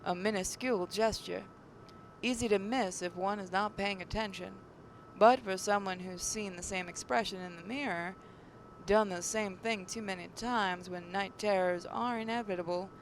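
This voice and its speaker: A woman with a mid-pitched voice, acting as a gaming host, reads visual novel narration at a moderate pace and occasionally trips over a word. The audio is poor, with a faint rumble in the background.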